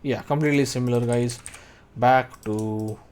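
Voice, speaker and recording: A 3D modeling tutor in his thirties works through a screen-recorded software tutorial, thinking aloud and announcing keyboard shortcuts. His mid-range voice is smooth and darkish, fairly even in intonation, and unhurried.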